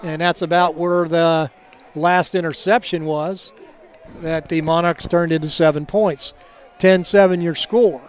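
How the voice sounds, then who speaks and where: A man doing live football play-by-play commentary in a halting, conversational way. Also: on the high side, steady tone. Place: outdoor college football game. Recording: crowd noise behind, outdoor stadium. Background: game crowd.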